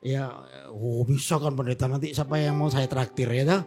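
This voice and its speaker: A man's voice: medium pitch, fairly even intonation, a little fast, darkish tone. A man preaching a sermon, telling a story and calling on the congregation to say amen. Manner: storytelling, exhorting with call-and-response. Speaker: pastor.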